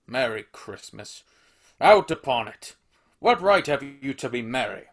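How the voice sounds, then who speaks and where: An actor playing Scrooge, a bitter, scornful old miser who dismisses everyone with gruff outbursts. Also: male voice, medium pitch, big pitch swings, measured pace. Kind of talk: amateur radio play acting.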